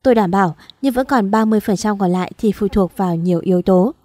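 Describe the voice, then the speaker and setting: A woman voicing a calm, matter-of-fact male hospital doctor in an audio story, in a formal, businesslike way. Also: mid-range voice, fast talker, dry recording, lightly acted. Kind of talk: audiobook dialogue.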